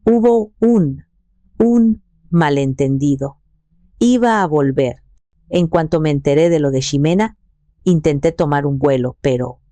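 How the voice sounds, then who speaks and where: A woman's voice: low-pitched, lively intonation, measured pace, mellow, dry recording. A woman voicing a man who is an arrogant husband caught in a lie, defensive and stammering. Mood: pleading.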